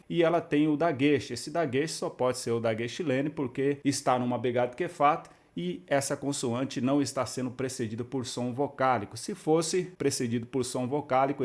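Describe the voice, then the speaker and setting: A man teaches in a calm, methodical way. He explains each step patiently and slows down to sound out syllables. His voice sits at a middle pitch. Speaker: Biblical Hebrew teacher. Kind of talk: explanatory video lesson.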